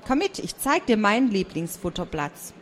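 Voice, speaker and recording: A woman voicing a friendly, lively young male bat in a storybook read aloud, chatty and bright. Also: medium pitch, normal speed, close to an everyday voice. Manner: bright and chatty, sleepy when woken.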